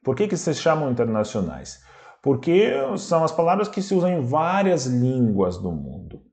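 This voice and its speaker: A man teaching a language lesson, who speaks deliberately, repeats words to model their pronunciation, and asks rhetorical questions. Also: medium pitch, big pitch swings, a little mellow.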